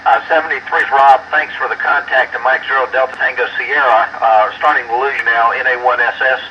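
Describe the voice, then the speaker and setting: A man working ham radio contacts from orbit, reading call signs in phonetic letters and pausing often with uh. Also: medium pitch, fairly even intonation. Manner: halting, many uh fillers, call-sign phonetics. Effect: ham radio transmission. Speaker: astronaut ham radio operator. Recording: lo-fi distant radio with faint hiss.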